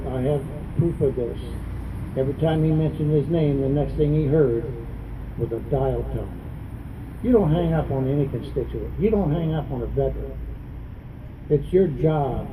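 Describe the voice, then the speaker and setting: A man delivers a political stump speech in a medium-pitched voice. He is adamant and plain-spoken, hammering points home through repetition. The microphone sits at a distance, with clear vehicle noise around him. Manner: adamant, plain-spoken, repeating phrases for emphasis. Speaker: congressional candidate and veterans advocate. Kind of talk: campaign speech at a news conference.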